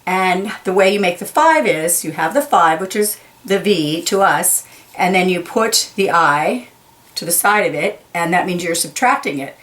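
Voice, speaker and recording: This woman has a lowish, slightly bright voice with lively intonation, and she is reading a children's picture book aloud. Her delivery is slow and deliberate as she stresses key words and explains them simply for young listeners.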